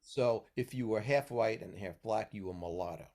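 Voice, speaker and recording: A man from New York in the US Northeast, with a fairly low pitch, moderate pace and darkish tone, talks as a mentor in a casual podcast chat. He lectures at length and tags his points with "okay?" to check in.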